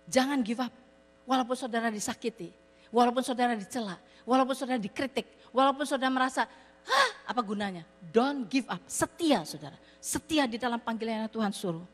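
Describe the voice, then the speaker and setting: A woman's voice: fairly high pitch, fairly quick. A woman preaching a sermon in storytelling style, mixing in English words and addressing her listeners as brothers and sisters. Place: church hall. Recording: long hall reverb with hum.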